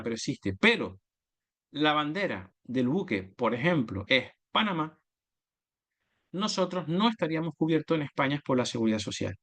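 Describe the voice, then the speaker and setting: Spanish man presenting, a touch high. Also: a bit bright. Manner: methodical, lists points, self-corrects mid-word. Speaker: oil and gas business development manager giving a talk. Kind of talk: explanatory slide presentation.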